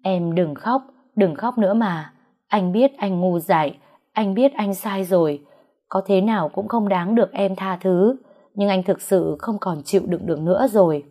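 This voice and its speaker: A woman's voice: mid-range voice, moderate pace, dark tone, close to an everyday voice. A woman voicing a remorseful young husband begging forgiveness in a narrated story. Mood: pleading. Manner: pleading.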